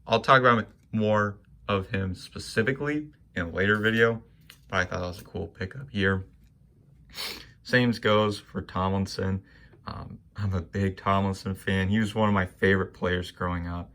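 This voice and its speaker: A young man casually talking through his sports card pickups, relaxed and rambling with plenty of fillers. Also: sits low, moderate pace. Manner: relaxed and rambling, many ums and likes. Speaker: sports card collector vlogger. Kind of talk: casual monologue showing cards.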